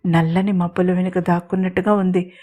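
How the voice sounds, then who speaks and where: A woman host narrating a romantic audio story in a steady, expressive reading voice. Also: fairly low pitch, fairly quick.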